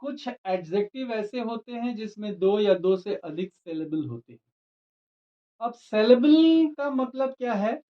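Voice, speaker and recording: Male teacher, unhurried and methodical, explains grammar rules on a dull lo-fi recording. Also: high-pitched, animated. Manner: slow and deliberate, spells words letter by letter.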